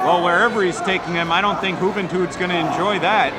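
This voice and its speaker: A man's voice: high-pitched, quick pace, very noisy. A man calling a lucha libre match as play-by-play announcer, in live sports commentary. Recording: loud crowd and music behind.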